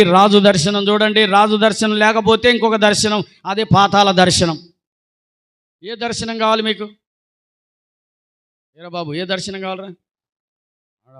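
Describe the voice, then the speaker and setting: A man preaching a sermon as pastor, exhorting his congregation and calling out for hallelujahs, swinging between loud preaching and quiet asides. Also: on the high side, smooth. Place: church sanctuary.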